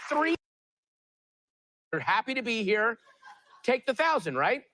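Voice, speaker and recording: A man's voice: very high voice, sing-song, measured pace, pushed and bright, no echo. A man hosting a television quiz show, reading questions and teasing contestants playfully. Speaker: game show host.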